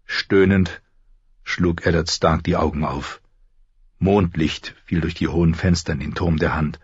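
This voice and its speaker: A man reads a fantasy audiobook in a calm, measured narration. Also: rumbling low, husky, no echo. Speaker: audiobook reader. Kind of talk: scripted narration. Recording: dull lo-fi dry recording.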